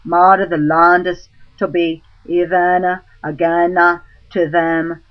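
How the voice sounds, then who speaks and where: A woman with a fairly low voice recites a literary text in archaic Middle English pronunciation. She moves extremely slowly and deliberately, halting between phrases. The recording is dull and muffled. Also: level tone.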